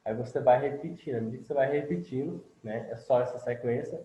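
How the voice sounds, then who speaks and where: Um homem terapeuta conduzindo uma sessão em grupo, explicando com calma e repetindo "né?". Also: male voice, medium pitch, fast talker. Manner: calm, repetitive, often ends phrases with "né?". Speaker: therapist leading a group session. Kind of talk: instructional talk, demonstrating a tapping technique. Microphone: phone. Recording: lo-fi, roomy, faint noise, recorded on phone.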